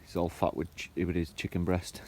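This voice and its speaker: Man, lowish voice, relaxed camping vlogger, joking food talk, distant mic outdoors. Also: a little fast, slight background noise. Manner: chatty, joking, savoring food aloud. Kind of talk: casual talk to camera while cooking. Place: outdoors at a wild campsite by a fire. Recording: distant camera mic, faint outdoor ambience.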